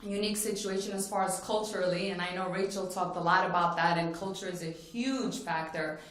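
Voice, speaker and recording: A Moroccan woman gives an earnest personal talk at a forum, telling her story with frequent "you know" fillers. Her voice is lowish, steady and fairly bright, and she speaks fairly quickly. The conference plenary hall makes the recording very echoey.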